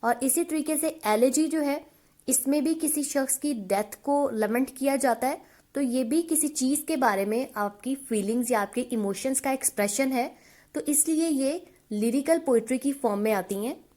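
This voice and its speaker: A woman teaching a literature lesson, reading definitions slowly and then explaining them in conversational Hindi. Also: high-pitched, a little mellow. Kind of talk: online lecture mixing Hindi and English.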